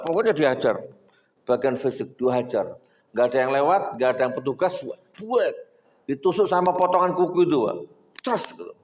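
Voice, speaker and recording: Animated male preacher, fairly high voice, big reverberant hall, sermon delivered with stories. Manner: animated, swings between loud exhortation and low storytelling asides. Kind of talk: sermon with storytelling. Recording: echoey hall with long reverb.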